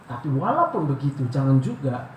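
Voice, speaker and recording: Animated man preaching in an echoey room. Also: medium pitch, a little fast. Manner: animated, asks rhetorical questions and acts out prayers. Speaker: doctor giving a devotional talk. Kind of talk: devotional sermon. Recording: echoey room with loud background noise.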